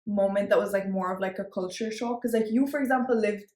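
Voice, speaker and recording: A woman's voice: mid-range voice, quick pace, mellow. A young woman hosting a podcast in an upbeat, chatty way, with many fillers. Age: young adult. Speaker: podcast host. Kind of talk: casual chat. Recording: roomy echo.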